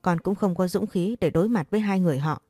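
Storybook role: a loud, sneering, vindictive mother, voiced by a woman narrator, low warm tone. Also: quick pace, no echo, natural voice. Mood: indignant. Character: scornful vindictive middle-aged mother.

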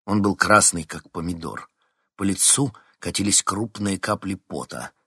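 A man's voice: sits low, animated, unhurried, bright, forceful tone, husky, dry recording, studio quality. A man reading a novel aloud as scripted narration, giving each character a voice. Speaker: audiobook narrator.

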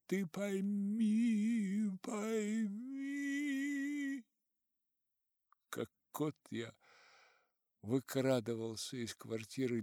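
A man reading a literary novel aloud in an expressive, unhurried manner. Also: mid-range voice, gravelly, dry recording, clean studio sound. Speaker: narrator.

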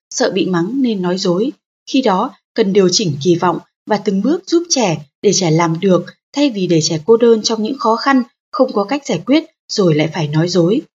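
Husky-voiced woman reading an audiobook. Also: mid-range voice, a little mellow, dull audio. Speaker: audiobook narrator. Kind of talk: scripted audiobook narration of a parenting book.

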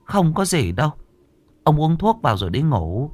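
A man's voice: a little high, big pitch swings, moderate pace, pitched above the performer's own voice. A man voicing a scolding middle-aged village wife who brushes off her husband's fears. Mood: dismissive. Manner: sharp, nagging, brushing things off. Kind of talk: horror story narration.

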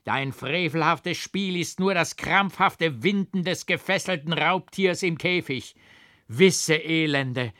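A man's voice: a little high, sharp tone, no room sound, studio quality, pitched above the performer's own voice. A man reading an audiobook, voicing a vengeful fallen monk who speaks in vehement, scornful outbursts. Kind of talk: audiobook reading of a classic novel.

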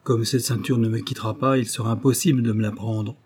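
A man's voice: on the low side, steady tone, quick pace, darkish tone, breathy edge. A man voicing a startled young male government official who asks surprised, protesting questions in a storybook reading.

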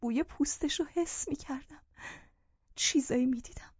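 A woman reading a first-person audiobook in a hushed, tense voice that often drops to a whisper. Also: high voice, no echo. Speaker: audiobook narrator. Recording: dull lo-fi audio with faint music.

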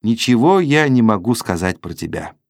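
A male narrator voicing a lazy, indifferent young woman who answers flatly and sleepily in an audiobook. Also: rumbling low, moderate pace, no echo, clean studio sound, exaggerated voice. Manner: flat, dismissive, yawning.

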